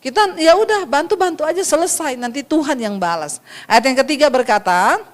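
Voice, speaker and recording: This sermon comes from a woman pastor whose voice sits high and moves a little fast. She tells stories with energy and keeps turning to her listeners directly.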